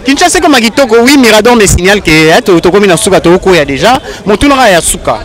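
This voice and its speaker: A male reporter running a brisk street interview outdoors in a city. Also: high-pitched, very animated, a bit bright, a faint crowd.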